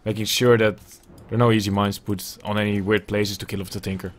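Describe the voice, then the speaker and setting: A young Dutch man from the Netherlands casts a video game match solo from home, speaking brisk, level and fairly low, thinking aloud loosely and swearing now and then. He records indoors at a desk with earbuds and a webcam, and a faint hiss or hum sits under his play-by-play.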